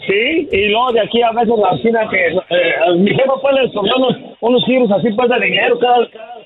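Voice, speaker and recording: A Mexican man on the phone to a radio show, speaking haltingly with plenty of fillers. His high voice comes through a tinny line, with a clear crowd behind him. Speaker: radio caller.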